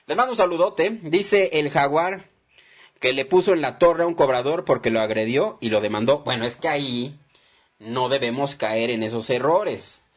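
A man's voice: medium pitch, moderate pace. A man hosting a call-in debt advice show, giving emphatic advice and acting out little dialogues. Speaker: debtor-advice radio host.

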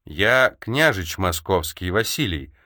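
A man's voice: low voice, sing-song, takes it slowly, sharp tone, dry recording, studio quality, heavily acted. Storybook figure: a man playing an earnest young prince, proud and indignant.

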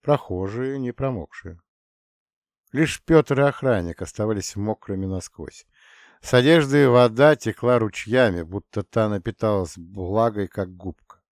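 A man narrating a story in a steady, dramatic audiobook style. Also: on the low side, a little slow, dry recording, studio quality. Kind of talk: scripted narration.

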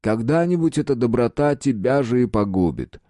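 A man doing a shrill, wheedling businessman. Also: animated, normal speed, mellow, no room sound, clean studio sound, lightly acted. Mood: sugary. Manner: pleading and shrill by turns. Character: cagey, wheedling middle-aged male businessman.

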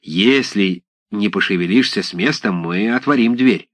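A man's voice: fairly low pitch, no echo, lightly acted. A man doing a cautious, fussy village clerk. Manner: careful, halting, persuasive.

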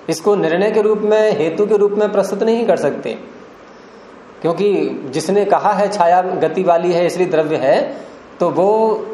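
A man's voice: sits high, warm tone. A man lecturing a class on classical Indian logic and grammar, explaining step by step and quizzing his students. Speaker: teacher of Nyaya philosophy. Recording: echoey room with faint hiss.

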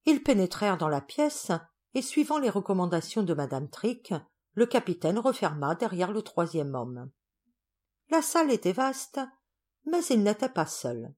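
A woman reads a comic space story aloud with a lively, expressive delivery. Her pitch sits in a middle range, clear and even. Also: measured pace. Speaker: audiobook reader. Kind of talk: audiobook narration.

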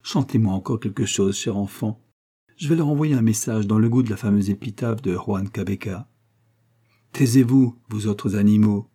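A man's voice: on the low side, normal speed, mellow, slightly rough. A man voicing an elderly aristocratic lady who is effusive and commanding. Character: elderly aristocratic lady, warm, imperious, impulsive.

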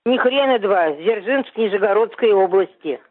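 Woman in her 70s, husky voice, indignant and argumentative, tinny phone line. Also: mid-range voice, expressive, moderate pace. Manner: indignant, argumentative, swears when annoyed. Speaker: prank call target. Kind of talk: phone conversation.

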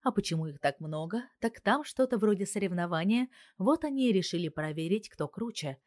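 A woman reading a first-person audiobook in a steady, even way. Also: medium pitch, a little fast, dry recording, studio quality. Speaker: audiobook reader.

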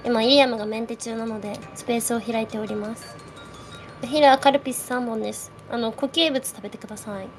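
A woman's voice: on the high side, fairly even intonation, fast, a little hiss or hum. A young woman hosting a live audio space, greeting listeners in casual chat, her voice shaky and nervous with frequent little laughs.

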